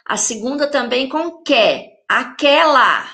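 A Brazilian woman teaching young children in a recorded remote lesson, with a high, bright voice. She talks slowly and patiently, drawing words out syllable by syllable. She keeps repeating the rule and asking the class if they follow. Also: lively intonation. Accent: Brazilian Portuguese. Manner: repeats rules and checks in with the class. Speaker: primary school teacher.

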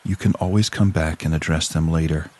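A man with a rumbling low voice guides a scripted relaxation session. His calm, soothing narration is measured and full of long pauses.

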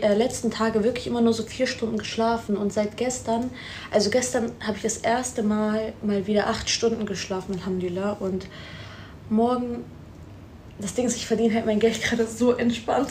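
A 22-year-old Afghan-born woman chats casually on a phone livestream from a room at home, reading viewer comments aloud and answering them while switching between German and English. Her voice is fairly high and a little mellow. The phone is held close on the front camera, with a slight hiss or hum.

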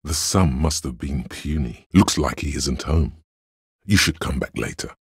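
In a video game, a man voices the cold, analytical inner voice of logic in a detective's head, narrating in the second person. His tone is very deep, gravelly and husky, and his delivery is measured, dry, deliberate and condescending, heavily acted on a dry recording.

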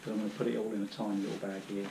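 A man's voice: lowish voice, little pitch movement, very fast, gravelly, echoey room, noisy background. A British man in his thirties, kneeling on his living room floor, showing his hiking gear in a casual, rambling way with many fillers, heard from a camera a few metres off. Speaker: outdoor gear vlogger. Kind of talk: casual demonstration. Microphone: camera on the floor a few metres away.

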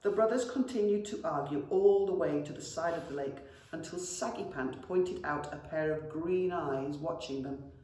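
This middle-aged schoolteacher has a low, dark voice and keeps a moderate pace while expressively reading a story to children, whom she addresses affectionately. Captured by a camera a few metres away, the indoor classroom sounds very echoey.

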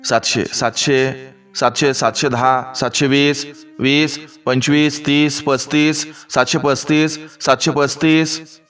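A man voicing a market auctioneer who shouts out rising bids in a sing-song call. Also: a little high, flat delivery, normal speed, hardly any pauses, far from the mic, faint music behind, pitched above the performer's own voice, natural voice. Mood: shouting bids. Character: loud male auctioneer calling bids.

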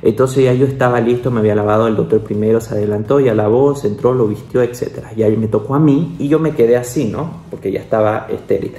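A young adult male doctor shares a personal story in a casual vlog, talking fast and mellow with few pauses. He's chatty and full of little asides, scattering "¿no?" and "o sea" throughout and acting out quoted voices as his pitch jumps up. The recording has a roomy echo.

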